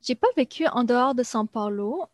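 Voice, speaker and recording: A young woman talks in an easy, chatty way, stopping often on small fillers as she explains. Her voice sits a little high. The sound is close and dry, with no room around it. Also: a little fast, dry recording. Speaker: guest recounting life in Brazil. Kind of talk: casual conversation.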